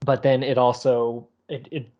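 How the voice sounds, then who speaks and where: A man's voice: medium pitch, flat delivery, unhurried, lo-fi sound. A man co-hosting a podcast in casual chat, rambling with many restarts and some teasing. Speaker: podcast co-host. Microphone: remote call setup.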